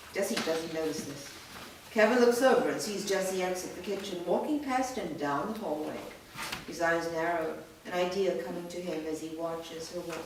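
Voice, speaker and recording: With a lowish voice, a woman steadily reads out a screenplay's scene directions as part of a staged reading, keeping a matter-of-fact tone. There is slight background noise, and the echoey room makes her sound far away.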